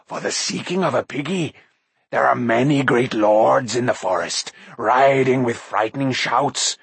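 Voicing a sly, self-pitying storybook half-beast, a male narrator whines and begs for food in a wheedling mood. The exaggerated voice sits at medium pitch, slightly husky, and moves a little slowly. It's recorded up close with no echo or room sound.

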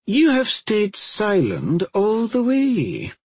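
A man voicing a stern, scornful older witch who speaks in a cold, imperious, impatient way, with a husky voice in a dry recording. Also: on the high side, sing-song, measured pace, no room sound, voice pushed up, exaggerated voice.

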